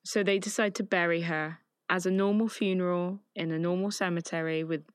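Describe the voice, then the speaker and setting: A woman's voice: fairly low pitch, steady tone, fairly quick, clear, resonant tone, no room sound, clean studio sound. A woman recapping a film's plot in a chatty, emotive way, often saying "like". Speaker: film reviewer. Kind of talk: casual film plot recap.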